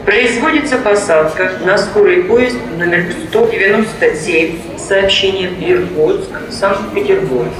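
A railway station announcer reading a formal, scripted boarding announcement over a public address loudspeaker in a measured way. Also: mid-range voice. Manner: formal, repetitive, measured delivery. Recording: echoing station loudspeaker, distant, crowd noise.

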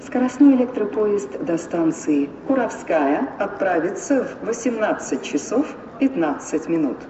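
Female station announcer for airport-style PA calls: formal, clipped phrasing, swinging intonation, heavy echo. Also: mid-range voice. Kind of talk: public-address train announcement, like an airport announcement. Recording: dull, distant, echoing, noisy station loudspeaker.

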